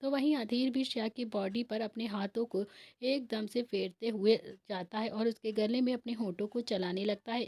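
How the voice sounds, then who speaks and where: A woman host narrating a serialized family story in a steady, soft-spoken reading. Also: fairly high pitch, no room sound.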